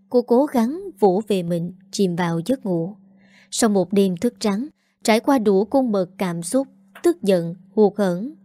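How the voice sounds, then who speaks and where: A woman narrating a scripted audio story in a calm, steady manner. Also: medium pitch, dry recording, clean studio sound.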